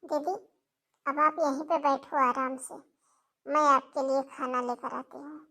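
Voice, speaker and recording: A woman's voice: sits high, steady tone, unhurried, bright, forceful tone, heavily acted. A woman voicing a kind, protective young sister-in-law in a cartoon, speaking in a firm, reassuring way. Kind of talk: cartoon voice acting.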